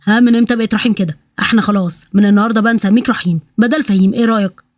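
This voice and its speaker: A grouchy, penny-pinching thief mocks his partner in rapid Egyptian Arabic, as a woman puts him on. The complaints tumble out quickly. The sound is dry and close. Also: mid-range voice, fairly even intonation, a little mellow, dry recording, close to an everyday voice. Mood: mocking. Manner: sarcastic, complaining. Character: grumpy stingy male thief, sarcastic.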